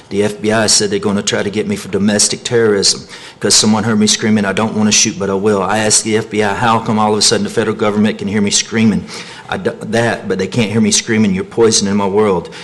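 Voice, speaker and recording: Agitated man pleading at a meeting. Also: a bit bright. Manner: pleading, agitated, pitch climbing as he grows upset. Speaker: citizen giving public comment. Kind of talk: impassioned public comment at a meeting.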